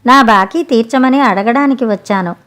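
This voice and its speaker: Wise royal guru, calm and cunning, measured, storybook, woman reading the part, slightly high voice. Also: close to an everyday voice. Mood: composed.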